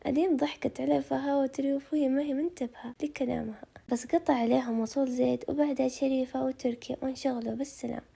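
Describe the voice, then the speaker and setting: A woman narrating a novel in a lively storytelling manner. Her voice is gravelly, mellow and rather high, and she reads fast. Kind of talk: novel reading.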